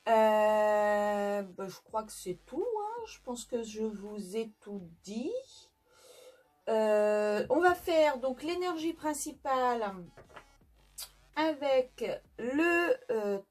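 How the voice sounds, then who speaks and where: A woman's voice: on the high side, animated, extremely slow, a little mellow. A French woman giving a casual tarot reading, chatty and hesitant with many fillers and restarts. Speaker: tarot reader. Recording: faint background music.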